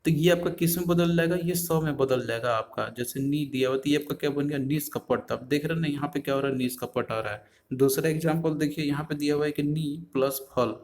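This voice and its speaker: Male tutor, slightly raised pitch, explanatory lecture style, rhetorical questions, exam coaching. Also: fairly quick, darkish tone. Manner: explanatory, repeats filler words, rhetorical questions to students. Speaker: teacher. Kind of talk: exam-prep grammar lecture.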